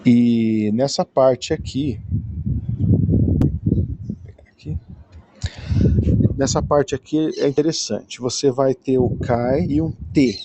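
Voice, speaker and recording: Slow, patient Brazilian man teaching. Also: mid-range voice, mellow, slight background noise. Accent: Brazilian Portuguese. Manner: patient, checks in with "né?" often. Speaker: Greek teacher. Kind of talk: slow, explanatory lesson.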